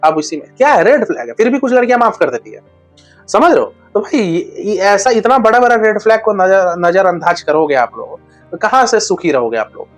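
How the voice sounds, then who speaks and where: Man, relationship advice vlogger, high voice, blunt, crude jokes, slangy casual talk. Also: lively intonation, a little fast, soft background music.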